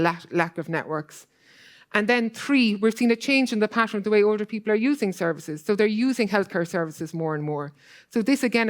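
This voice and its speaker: A woman giving a conference talk, speaking earnestly and quickly, with many fillers like "kind of" and "like". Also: mid-range voice. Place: conference hall.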